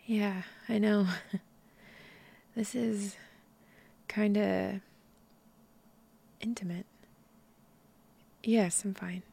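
A young woman speaks right up against the microphone in a soft, husky whisper with a gravelly edge. Her delivery is slow and unhurried, and her tone sits dark and mellow. She talks shyly and haltingly, and she giggles often. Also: mid-range voice, fairly even intonation. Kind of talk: intimate whispered audio roleplay. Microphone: close microphone.

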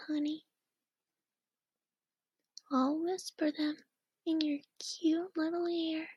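High, slow whispering woman. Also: no room sound. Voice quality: soft breathy whisper. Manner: slow, coaxing and doting. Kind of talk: whispered ASMR roleplay.

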